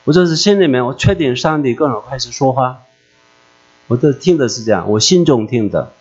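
A man preaching a personal testimony in an emotional, animated way, often asking his listeners questions, recorded dull and lo-fi with a mains hum. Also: mid-range voice, brisk.

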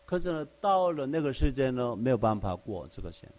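This preacher's medium-pitched, slightly mellow voice swings widely in pitch as he talks briskly. His Bible study sermon is conversational, explaining each verse with everyday examples and plenty of rhetorical questions for the audience.

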